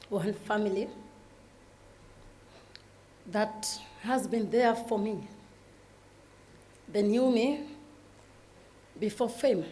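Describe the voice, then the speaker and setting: Tearful woman speaking slowly and haltingly. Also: mid-range voice, mellow, a little hiss or hum. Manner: slow, halting, apologetic. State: emotional, holding back tears. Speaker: foundation founder. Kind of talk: speech at her foundation's event.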